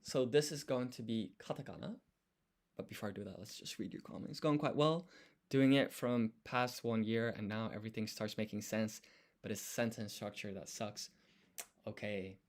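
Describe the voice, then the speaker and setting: Studying Japanese live on stream, a man chats casually in a fairly low voice at an ordinary pace. He muses aloud as he works and breaks words down into their individual syllables.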